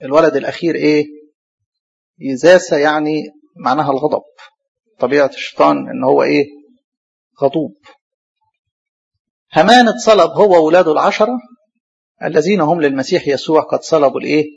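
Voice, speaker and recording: A man with an Egyptian Arabic accent teaching a Bible study sermon, asking questions aloud and answering them himself, and slowly spelling out hard names. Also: a little high, vocal fry, slightly rough. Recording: dull lo-fi recording.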